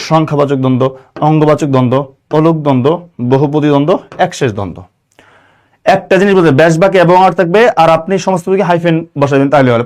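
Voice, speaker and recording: Young male teacher from Bangladesh, slightly high voice, drills exam grammar with constant repetition and check-ins. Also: darkish tone. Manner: repetitive, checks understanding often. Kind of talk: grammar lesson for exam students.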